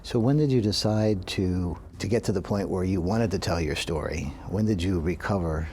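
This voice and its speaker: Deep-voiced male interviewer. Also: normal speed, a little mellow, a little hiss or hum. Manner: brief, prompting questions. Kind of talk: interview questions.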